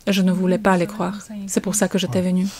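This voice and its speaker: A woman's voice: lowish voice, level tone, fast, darkish tone. A woman, telling a suspenseful first-person story as a comic author. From Poland.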